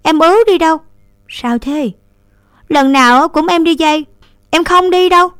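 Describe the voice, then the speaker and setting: A woman's voice: brisk, no room sound, clean studio sound. A woman voicing a stubborn, pouting little girl in a story. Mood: sulky. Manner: pouting, high-pitched and loud.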